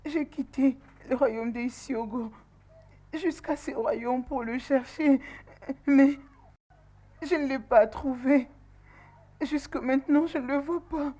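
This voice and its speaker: A woman's voice: high voice, steady tone, slow pace, long pauses, dark tone. An actress playing a young, pregnant, homeless village woman who speaks hesitantly and tearfully in a dubbed film. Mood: sorrowful.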